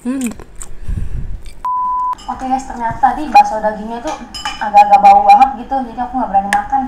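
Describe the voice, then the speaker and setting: A woman's voice: a little high, steady tone, fairly quick. A woman with an Indonesian accent chatting casually to viewers as the host of an eating video. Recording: noisy, with clicks and clinking dishes.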